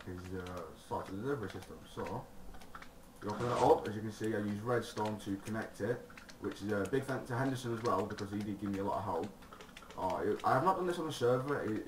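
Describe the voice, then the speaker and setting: A man giving gameplay commentary, rambling and swearing, with sudden excited shouts. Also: on the low side. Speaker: gaming video creator. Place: room at a computer. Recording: roomy, distant mic, loud keyboard noise.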